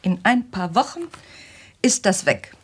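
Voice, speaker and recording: In a German radio play, a genteel, easily wounded middle-aged mother speaks theatrically, moving between coy hesitation and agitation. Her slightly husky voice swings widely in pitch at an unhurried pace, and her mood is musing and wistful.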